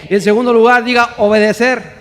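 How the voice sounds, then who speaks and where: A man's voice: extremely high pitch, little pitch movement, a little fast, fairly bright tone, big-room sound. A man preaching a sermon as pastor, emphatic, firing rhetorical questions and calling on the congregation to repeat after him.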